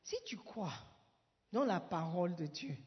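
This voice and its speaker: A woman from Ghana preaching a sermon, putting questions to the congregation, moving between French and English and rising at times to shouting. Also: fairly low pitch, lively intonation, measured pace. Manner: rises to shouting declarations. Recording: dull echoey hall sound.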